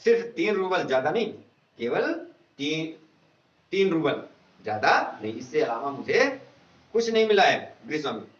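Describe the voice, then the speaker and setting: A man's voice: on the high side, very animated, moderate pace, long pauses, a bit bright. A meek, frightened young servant girl whose voice trembles as she speaks, read by a male teacher. The sound is muffled and lo-fi, and it echoes around a bare room. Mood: timid.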